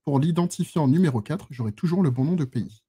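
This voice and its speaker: A man teaching a live-streamed class in a chatty, self-mocking way, stopping often to restart his sentences. His voice is dark and a little husky. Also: a little high, animated, quick pace. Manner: chatty, self-teasing, many fillers and restarts. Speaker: instructor. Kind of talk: live-streamed database lesson. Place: lives in Switzerland.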